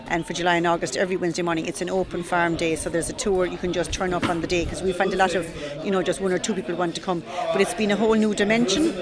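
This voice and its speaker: A middle-aged woman, talking in a chatty, discursive way in an interview. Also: on the low side. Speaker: goat farmer and cheesemaker interviewed. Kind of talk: conversational interview.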